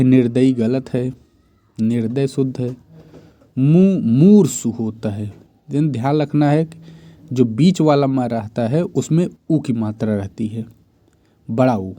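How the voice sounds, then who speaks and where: A man's voice: medium pitch, warm tone. A man teaching Hindi grammar for exam preparation, reciting correct spellings in short, repeated phrases. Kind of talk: exam-prep spelling drill.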